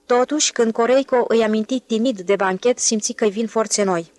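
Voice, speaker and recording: Woman, audiobook narrator, steady clear reading, slightly high voice. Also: dry recording. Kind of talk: scripted narration.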